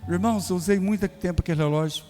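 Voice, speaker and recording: A man's voice: high voice, rapid-fire, darkish tone. A man preaching in a church, telling a personal story and acting out what each person said. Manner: folksy storytelling with acted dialogue. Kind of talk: sermon testimony. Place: church sanctuary. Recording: reverberant church hall with music.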